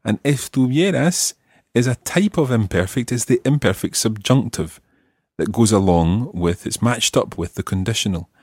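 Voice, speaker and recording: Speaking unhurriedly in a lowish, husky voice, a teacher hosting a language podcast walks listeners through grammar with patience, encouragement and lively intonation. The recording is studio quality without echo.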